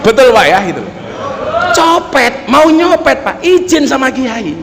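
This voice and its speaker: Male preacher, high voice, comic storyteller who keeps addressing the crowd; long hall reverb, faint noise behind. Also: very animated, a little slow, creaky. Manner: joking storyteller, often turning to the audience with "Pak". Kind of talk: humorous sermon. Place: public gathering with local officials.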